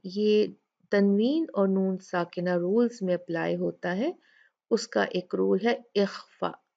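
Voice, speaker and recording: Slow, patient woman teaching Quranic recitation. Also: medium pitch, creaky, a little mellow, muffled recording. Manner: patient, asks questions then answers them, draws out example words slowly. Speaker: Tajweed teacher. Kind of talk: slow explanatory lesson with recited examples.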